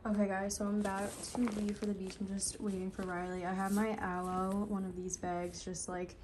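A woman's voice: medium pitch, little pitch movement, darkish tone. Young woman vlogger, chatty and upbeat, phone held at arm's length, noisy recording. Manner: chatty, upbeat, quick asides to camera. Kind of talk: casual vlog chat. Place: beach outdoors and home rooms. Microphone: handheld phone camera at arm's length.

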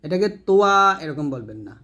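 Higher-voiced man teaching letter sounds. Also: darkish tone. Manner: explains slowly, models each letter sound, repeats it. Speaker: Quran recitation teacher. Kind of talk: step-by-step pronunciation lesson.

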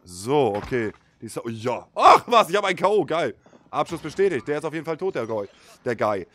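Male gaming streamer: bright, slightly hoarse, slangy and excitable, pitch swinging widely. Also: fairly quick. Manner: slangy, excitable, prone to loud outbursts. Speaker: Twitch streamer. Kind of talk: casual live-stream chat over gameplay.

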